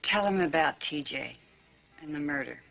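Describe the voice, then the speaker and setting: Insistent, bright-voiced woman lawyer. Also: sits low, expressive, moderate pace, gravelly, exaggerated voice. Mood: earnest, insistent. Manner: insistent, articulate, formal. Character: brisk, determined female defense lawyer. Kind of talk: television drama acting. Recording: dull TV soundtrack, faint noise.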